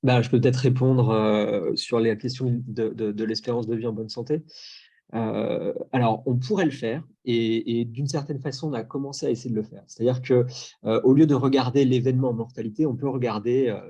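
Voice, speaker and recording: A man giving an explanatory answer as a researcher in a webinar, pausing and rephrasing as he goes. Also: medium pitch, fairly even intonation, warm tone, dull audio.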